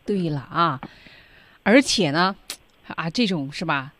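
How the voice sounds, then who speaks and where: Woman, radio host, english lesson, lively pitch, lowish voice, dry studio sound. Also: slow pace, no echo. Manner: chatty, animated reactions.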